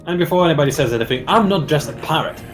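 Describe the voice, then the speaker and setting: A man's voice: on the high side, animated, racing, faint music behind. A man hosting a casual gameplay session, teasing his opponent and explaining game mechanics as he plays. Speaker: strategy game player, channel host.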